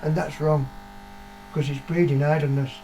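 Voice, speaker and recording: Delivery is flat and moderately paced from an older British man whose fairly high voice sounds mellow. He's the vlogger's father, casually offering blunt, plain opinions peppered with swearing and emphatic repetition. Soft background music plays, and the audio is poor.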